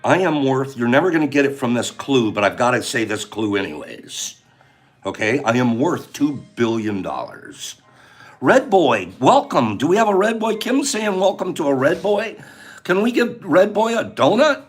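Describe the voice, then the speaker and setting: A man hosting a casual livestream, chatty and animated as he reads out viewer names and runs a guessing game. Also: medium pitch, normal speed. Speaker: livestream host.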